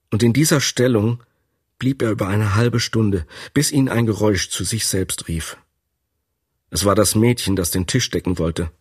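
A man narrating a classic novel for a radio reading, with an expressive, dramatic delivery. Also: fairly low pitch, breathy edge. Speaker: audiobook narrator. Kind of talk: scripted literary narration.

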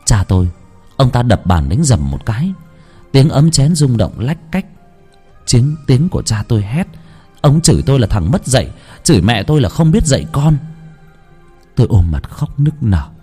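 Husky, lively male storyteller. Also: medium pitch, normal speed, long pauses, faint music behind. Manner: emotional, dramatic storytelling. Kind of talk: first-person horror story narration.

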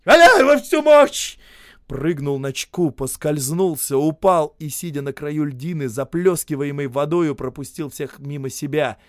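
A man narrating literary prose in a measured, dramatic storytelling way. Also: fairly high pitch, darkish tone, dry recording, clean studio sound. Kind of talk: audiobook reading of literary prose.

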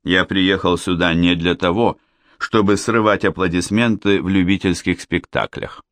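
A man's voice: low voice, fairly even intonation, moderate pace, a bit bright, no room sound. A man doing a dry, ironic police inspector. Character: weary, dry-witted male police inspector.

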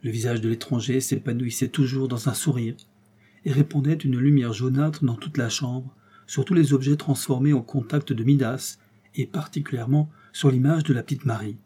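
A male narrator reading a classic fairy tale aloud in a measured, expressive way. His voice is husky and dark-toned, with a mellow, unhurried delivery. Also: medium pitch.

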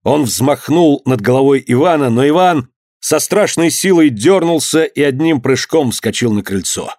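A man's voice: mid-range voice, normal speed, no room sound, clean studio sound. A man reading a historical novel aloud as a dramatic audiobook narrator. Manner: expressive storytelling.

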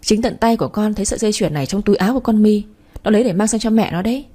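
A woman voicing a harsh, overbearing father who shouts and scolds, in a spoken story. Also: mid-range voice, very fast, natural voice. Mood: angry. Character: harsh domineering middle-aged father.

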